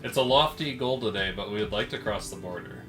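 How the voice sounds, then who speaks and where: A man's voice: on the low side, fairly quick, music in the background, low-quality recording. A man from the United States chatting casually as a travel vlogger. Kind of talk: casual travel vlog chat.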